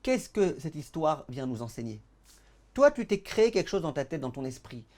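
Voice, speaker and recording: Animated rabbi teaching a lesson. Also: male voice, a little high, normal speed. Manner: animated storyteller, acts out dialogues; addresses the audience directly. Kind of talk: Torah lesson.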